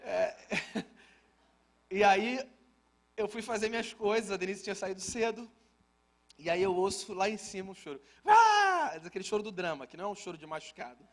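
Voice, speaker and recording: A Brazilian pastor with a fairly high voice preaches to his congregation. He moves easily between scripture and a homely family anecdote, talking to the people in front of him as if chatting with friends. He keeps slipping in playful asides to the room. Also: steady tone, normal speed, long pauses. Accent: Brazilian Portuguese. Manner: conversational, humorous asides to the congregation. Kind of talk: sermon with personal storytelling. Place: church service.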